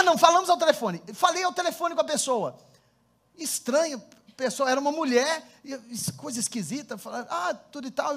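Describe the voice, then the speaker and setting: A man preaching a sermon as pastor, telling stories with animated energy and calling on the congregation to answer. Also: very high-pitched. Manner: storytelling, animated, laughs often, calls congregation to respond. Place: church hall before a congregation. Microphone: handheld microphone.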